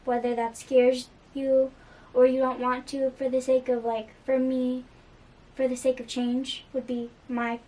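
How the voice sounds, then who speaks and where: A young woman with a high voice chats earnestly about music in a casual reaction video, dropping in plenty of fillers. She sits a little back from the mic, so the sound sits at a distance. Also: a little mellow. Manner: earnest and chatty, with frequent fillers.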